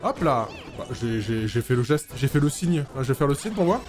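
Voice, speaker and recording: A man's voice: mid-range voice, a little fast. A man giving casual, joking gameplay commentary as a let's play host, swearing freely. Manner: animated, jokey, swears freely. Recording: loud game music behind.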